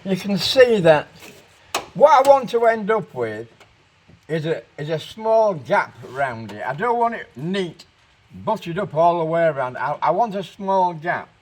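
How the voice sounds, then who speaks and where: A man's voice: high voice, big pitch swings, unhurried, a little hiss or hum. A man giving an informal hands-on workshop tutorial, explaining each step and thinking aloud as he works. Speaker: car restoration demonstrator.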